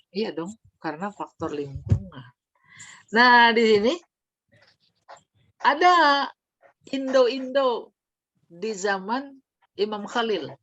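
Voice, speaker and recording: A woman teaching a study lesson, explaining slowly and quizzing her class with questions. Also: mid-range voice, a bit bright. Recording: dull lo-fi recording.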